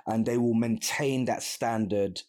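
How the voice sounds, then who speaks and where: A man in the interviewer's seat, his pitch sitting in an ordinary middle range. He builds each question slowly, backing up and rephrasing before he gets to the point. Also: fairly even intonation, darkish tone. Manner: long, meandering questions with restarts.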